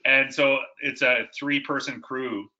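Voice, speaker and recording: A man's voice: mid-range voice, fairly even intonation, slow pace, lo-fi sound, over a noisy crowd. A man who is a guest educator, telling stories in a conversational interview, often restarting his sentences.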